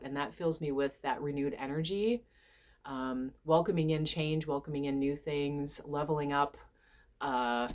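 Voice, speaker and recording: A stuffed-up woman with a nasal voice, talking softly and hesitantly in a personal vlog, with many ums and sighs. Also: low voice. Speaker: vlogger.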